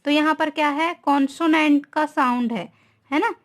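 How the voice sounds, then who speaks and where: A woman teacher giving a grammar lesson, asking questions and answering them herself. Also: sits high. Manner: slow, asks and answers own questions.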